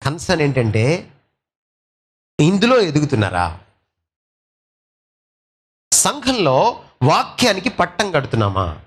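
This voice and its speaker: A male pastor with a high voice preaches a sermon, posing rhetorical questions and slipping English phrases into his talk. His delivery swings between loud and soft.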